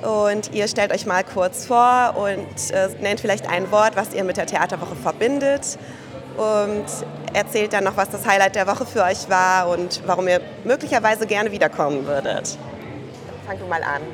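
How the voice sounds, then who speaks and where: A woman's voice: mid-range voice, moderate pace, music in the background. A woman interviewing people on site at an event in a friendly, chatty way. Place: event venue, a gym hall. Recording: crowd chatter at a busy event.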